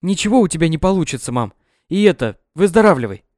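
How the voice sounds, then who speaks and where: An anxious, sharp-tongued young woman, as a man puts her on in a lifted voice for a storybook reading. She pleads and protests with lively swings. The recording is close and dry. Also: on the high side, fast talker, no room sound, voice pushed up. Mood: upset.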